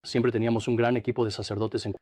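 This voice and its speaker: An older man from New Jersey, a priest and interview guest, recounting his life in a measured, reflective way. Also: medium pitch, little pitch movement, mellow, dry recording. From Trenton, New Jersey, USA. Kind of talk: studio interview, dubbed.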